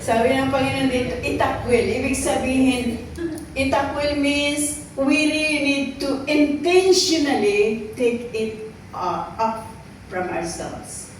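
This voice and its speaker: A Filipino woman preaches a sermon in a church hall, her voice high-pitched and slow, with a little hiss or hum in the audio. She often checks in with the congregation by asking "okay?" and "right?" The hall is echoey, and she is recorded from far away.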